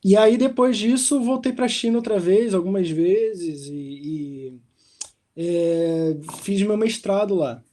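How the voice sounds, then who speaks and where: Speaking slowly, this young man from Rio de Janeiro sounds relaxed and conversational in a slightly high, mellow voice, leaning on fillers such as "né" and "assim". He is a doctoral researcher appearing as a guest in an interview, recorded in a London hotel room.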